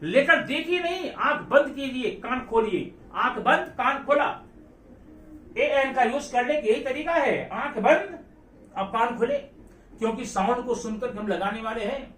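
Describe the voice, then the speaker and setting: A man's voice: very high voice, a little slow, fairly bright tone, slight background noise. A male teacher giving a classroom grammar lesson, who keeps asking his students questions and repeats key words. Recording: echoey room, voice from a distance.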